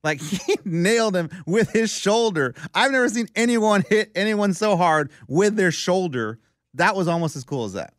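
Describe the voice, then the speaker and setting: A man co-hosting a casual sports podcast, animated and playful as he acts out fight scenes. His voice sits a little high for a man. The sound is dry and close. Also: normal speed, dry recording. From McAllen, Texas. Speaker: podcast co-host.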